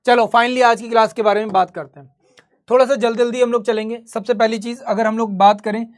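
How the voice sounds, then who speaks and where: A man's voice: extremely high pitch, steady tone, brisk. A man teaching history in a live online class. He talks conversationally, quizzes his students and answers his own questions.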